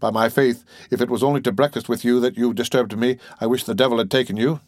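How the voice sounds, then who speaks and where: A man's voice: medium pitch, steady tone, fast, no room sound, clean studio sound, natural voice. A man voicing a curt, irritable young man in an audiobook. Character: ill-tempered young man.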